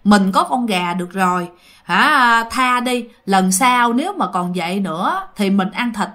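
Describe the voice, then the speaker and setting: A woman voicing a stern ghost mother in a storytelling recording, speaking in a low, hushed warning tone with a Southern Vietnamese accent. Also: lively intonation, measured pace. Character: stern ghost mother, female adult spirit.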